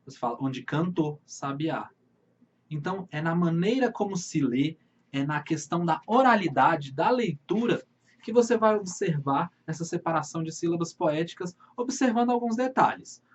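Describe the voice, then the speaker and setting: A man with a Brazilian accent teaching literature in an online video lesson, speaking straight to his viewers and slowing down to read verses aloud. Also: a little high, lively intonation, muffled recording, a little hiss or hum. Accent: Brazilian Portuguese. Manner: friendly, addresses viewers directly, slows to read verses.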